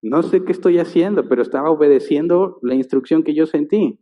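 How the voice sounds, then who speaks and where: This pastor's voice is a little high and his pace brisk. He's telling a sermon story, acting out the voices and noises within it, captured with a tinny sound in a reverberant church hall.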